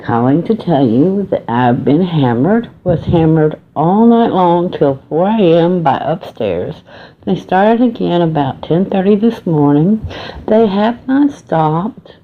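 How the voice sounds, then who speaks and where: A woman's voice: lowish voice, expressive, slight background noise. Aggrieved woman on a tinny landline. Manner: aggrieved, lists complaints slowly with pauses. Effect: heard over a landline phone. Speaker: caller leaving a voicemail. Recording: tinny landline phone line.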